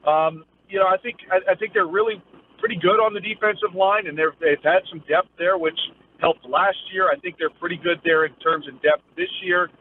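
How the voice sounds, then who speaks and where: A man's voice: sits high, fairly even intonation, brisk. A man giving a live, conversational news field report as a sports reporter, phrasing his analysis loosely over a remote phone link. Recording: phone-like narrowband line with faint noise.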